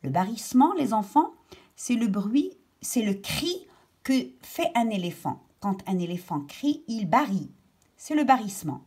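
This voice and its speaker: A woman's voice: on the high side, big pitch swings, unhurried, darkish tone, slightly rough. A woman teacher reading a children's story aloud and patiently explaining its words to young pupils.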